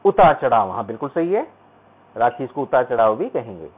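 A male teacher running a live online exam-prep class. He reads English quiz questions out slowly, explains them in Hindi, and praises students by name. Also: medium pitch, sing-song, slightly rough. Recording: tinny phone-like online stream.

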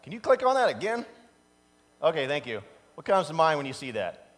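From a pulpit on a large church sanctuary stage, a pastor in his fifties preaches a casual, conversational sermon full of personal stories, animated and laughing at his own tales. His voice sits on the high side and moves fairly quickly. He stands at a pulpit mic, captured by a far camera, with long reverb from the church hall.

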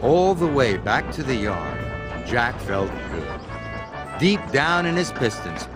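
A man narrating a children's story with lively swings of pitch and a slow, careful pace. His voice sits somewhat high, and music plays behind him.

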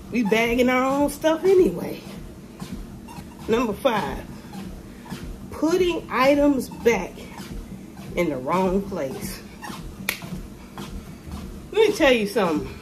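Slow-talking, sassy woman vlogger ranting. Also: background noise. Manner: animated, ranting, sassy, with sudden high exclamations. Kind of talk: casual commentary to camera. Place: room with ceiling lights, indoors. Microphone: phone camera held below face.

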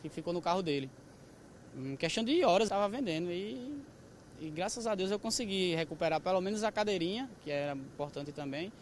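A man's voice: high-pitched, expressive, brisk, slight background noise. A man, recounting in a plain, hesitant way what happened to him. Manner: plain, hesitant retelling with fillers. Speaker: crime victim interviewee. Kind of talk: recounting events in an interview. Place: outdoor parking lot. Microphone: reporter's handheld mic.

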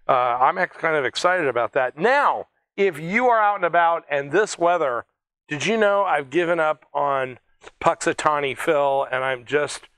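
A man's voice: mid-range voice, fairly bright tone, no echo, rough recording. A man hosting an air museum video in a chatty, joking, rambling way, with restarts. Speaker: museum host. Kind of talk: casual one-take video talk.

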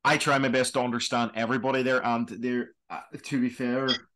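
A man's voice: mid-range voice, flat delivery, brisk, a bit bright, slight background noise. A young man with a Donegal Irish accent, chatting casually in a hesitant, rambling way on a video call. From Donegal, Republic of Ireland. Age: young adult. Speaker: student guide, interview guest. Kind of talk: casual chat. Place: small plain room indoors. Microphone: webcam video call.

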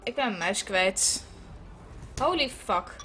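With a medium-pitched, sharp voice and lively intonation, the gaming host talks slowly while playing a computer game indoors on headphones. She chats to viewers, swears a lot and slips in English phrases, over a little hiss or hum.

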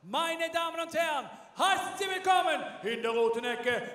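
High-pitched male arena announcer, echoing hall. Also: animated, a bit bright. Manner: drawn-out, booming arena announcer delivery. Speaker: ring announcer. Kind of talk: formal fight introductions. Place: large indoor fight arena. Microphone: handheld microphone. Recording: echoey arena PA from far off.

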